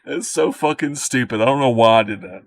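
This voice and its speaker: A man's voice: medium pitch, brisk, no room sound. A man in his thirties with a Cajun accent, rambling through casual, profane commentary with frequent laughing asides. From Louisiana. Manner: laughing asides, swears often, repeats himself. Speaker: creator reacting to his own old video. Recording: dry voice, a bit far from the mic.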